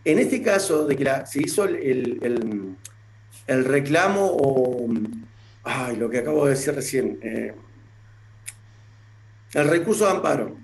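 A man calling into a live stream on a video call that keeps breaking up, halting and groping for words. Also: medium pitch, expressive. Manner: halting, searches for words, repeats himself. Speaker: caller. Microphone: video call with breaking-up audio.

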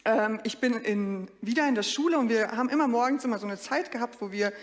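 A woman preacher giving a sermon, telling a lively story and addressing the congregation directly. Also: on the high side, fast, long reverb tail.

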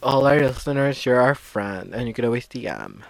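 A man's voice: mid-range voice, sing-song, normal speed, gravelly, no echo, low-quality recording. Guy podcast host w a slushy lispy s, talks candid and chatty like to a friend. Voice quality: lisp with slushy s sounds. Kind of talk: casual podcast conversation.

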